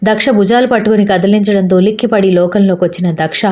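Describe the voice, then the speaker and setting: A woman's voice: mid-range voice, fairly even intonation, fast talker, darkish tone. A woman reading a love story aloud as narrator, speaking the characters' lines in her own voice.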